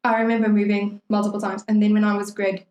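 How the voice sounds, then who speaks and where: A young woman co-hosts a podcast in loose, playful chat, filling her sentences with "like". Her voice sits at a middle pitch. The room adds a noticeable echo. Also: level tone, quick pace, a little mellow, highs cut off. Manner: rambling, playful, heavy on "like". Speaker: podcast co-host. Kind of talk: casual chat. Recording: roomy echo.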